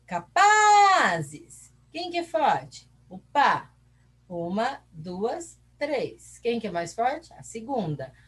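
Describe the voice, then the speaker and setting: Husky and mid-range, this Brazilian woman's voice carries a recorded class lesson in a Brazilian Portuguese accent. She explains by asking questions and answering them herself, lengthening syllables as she goes.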